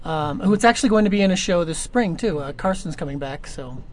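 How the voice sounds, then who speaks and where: A man's voice: a little high, animated, quick pace. A man answering listener questions in a casual chat, rambling through long stories with lots of fillers and restarts. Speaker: audio drama producer. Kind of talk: casual podcast Q&A.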